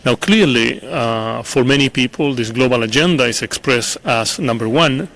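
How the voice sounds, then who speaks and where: A middle-aged man from Chile, answering interview questions in an earnest, measured way with frequent pauses and repeated words. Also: medium pitch, gravelly, fairly bright tone. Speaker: interview guest, international official. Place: conference venue.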